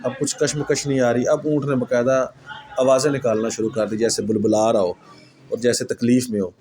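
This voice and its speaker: A man's voice: mid-range voice, flat delivery, darkish tone. A man narrating a horror story in a conversational way, retelling a night's events as if they were his own.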